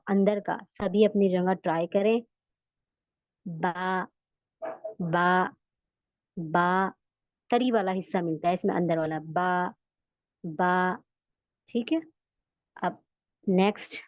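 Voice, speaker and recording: A woman teaching a tajweed lesson online, patiently repeating letter sounds slowly to demonstrate. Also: medium pitch, no echo, lo-fi sound. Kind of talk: online Quran recitation lesson.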